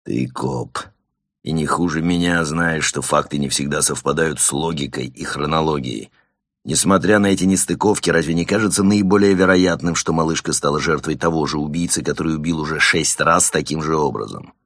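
A man voicing a blustering, domineering old father who mocks his son and bursts into shouting. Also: very deep voice, a little fast, dry recording, clean studio sound, heavily acted. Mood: scornful. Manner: sarcastic, explodes into shouting.

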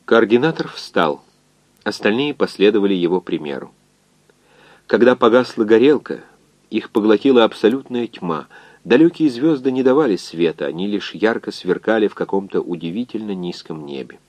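A man narrating a science fiction novel in an expressive, measured reading. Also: on the low side, no echo. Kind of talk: scripted audiobook narration.

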